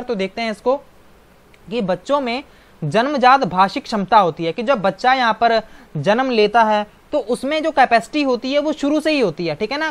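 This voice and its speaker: A man's voice: high voice, smooth. Brief: male exam-prep tutor, patient explainer with constant tag questions. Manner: explanatory, keeps adding "right?" tag questions. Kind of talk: online exam-prep lecture.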